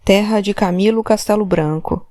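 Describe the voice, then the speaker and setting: A woman's voice: mid-range voice, moderate pace, warm tone, no echo, lightly acted. Woman reading as a hard-pressing male commissioner, insistent questions, dry close recording. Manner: insistent, interrogating, demanding. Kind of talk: audiobook character voice.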